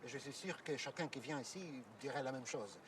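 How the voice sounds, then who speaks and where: An actor playing a courteous, explanatory Orthodox priest who guides visitors outdoors, hesitating now and then with fillers. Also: male voice, medium pitch, fairly quick, far from the mic, slight background noise, lightly acted. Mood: calm. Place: outdoors at an ancient site.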